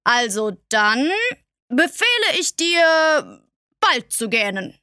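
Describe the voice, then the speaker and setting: A woman's voice: fairly high pitch, very animated, slow, bright, forceful tone, dry recording, studio quality, full character voice. A woman voicing a proud old king who speaks in pompous, commanding tones.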